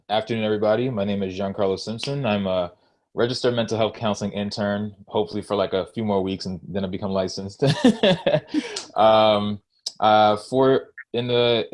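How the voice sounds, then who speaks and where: A man from Jamaica introduces himself in a relaxed, informal manner. His voice is very deep. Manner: easygoing, informal. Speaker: counseling intern and educator. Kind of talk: panel introduction.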